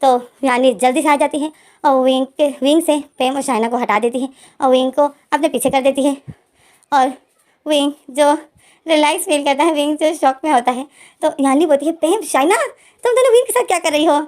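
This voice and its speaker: A woman's voice: high voice, fairly even intonation, moderate pace, darkish tone. A woman casually retelling a fan story, linking every line with plain narration. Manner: plain retelling, frequent "so she says" links. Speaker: fanfiction storyteller.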